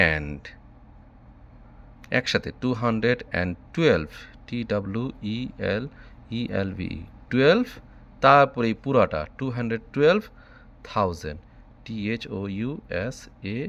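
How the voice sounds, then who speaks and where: A man's voice: mid-range voice, big pitch swings, moderate pace, a bit bright, lo-fi sound. A man from Bangladesh teaching a math lesson online, patiently spelling out number words letter by letter.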